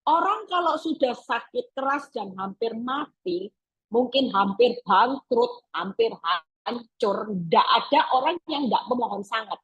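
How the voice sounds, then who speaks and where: Husky-voiced woman preaching emphatically. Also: on the high side, lively intonation, a little slow, muffled recording. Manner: emphatic, acts out pleading prayers. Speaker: evangelist preaching. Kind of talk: sermon over a video call. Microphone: video call.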